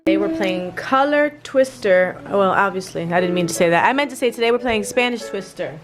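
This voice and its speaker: A woman's voice: mid-range voice, expressive, a little fast, music in the background. A woman hosting a homeschool vlog, chatting casually to the camera at home about her plans for the day. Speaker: homeschooling mother and channel host. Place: family home.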